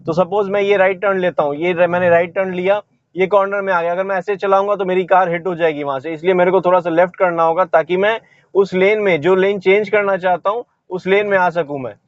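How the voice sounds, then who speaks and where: A man's voice: high voice, fairly even intonation, brisk, no echo, highs cut off. A man giving a driving lesson while he drives, explaining each step and pointing out what he is doing as he goes. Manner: explanatory, repeats "ye dekhiye" while demonstrating. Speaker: driving instructor. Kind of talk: instructional commentary while driving. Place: inside a car while driving.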